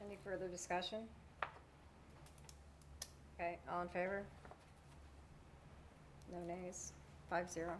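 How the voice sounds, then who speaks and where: A woman chairing a town select board meeting, moving briskly through motions and votes. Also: on the low side, little pitch movement, noisy background. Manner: brisk, procedural, runs votes.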